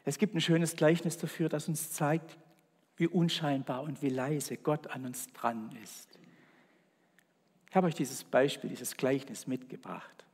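A man delivers a sermon, his voice husky and a touch high. He swings from raised, dramatic lines into quiet whispers. The sound carries a long reverb from the church around him. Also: unhurried. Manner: dramatic, shifts between loud calls and soft whispers. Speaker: pastor.

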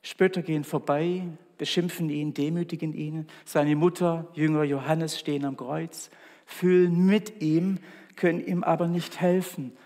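A man preaching a Good Friday sermon and reading scripture in a solemn, slow, deliberate way with weighty pauses. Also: fairly high pitch, little pitch movement, a little mellow. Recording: long church reverb.

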